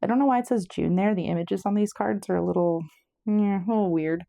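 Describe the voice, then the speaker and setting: Slightly out of breath, a woman runs a casual pick-a-card tarot reading, meandering, chatty, and prone to self-correction. Her mid-range voice is mellow with vocal fry, a little fast, and free of echo.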